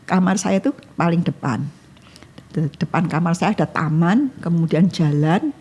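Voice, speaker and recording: A woman's voice: lowish voice, unhurried, a little mellow, husky. A woman giving an emotional testimony in casual talk, acting out her own prayers. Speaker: guest sharing a testimony.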